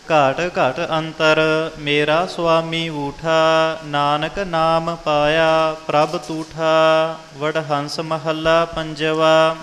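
Man, slow chanted recitation, even monotone, reverberant room, faint hiss. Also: fairly high pitch. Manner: measured sing-song chanting. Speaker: student reciting scripture.

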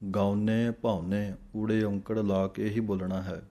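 A man teaching scripture recitation, chanting verses slowly, then quickly explaining the correct pronunciation. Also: on the low side, little pitch movement, warm tone. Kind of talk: slow recitation with pronunciation guidance.

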